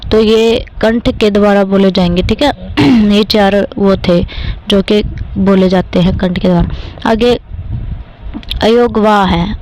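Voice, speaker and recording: A woman's voice: medium pitch, a little mellow, rough recording. A young woman from India with a Haryanvi-tinged Hindi accent, teaching an exam-prep grammar lesson step by step and often checking in with "theek hai". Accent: Haryanvi-influenced Hindi. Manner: occasionally clears throat.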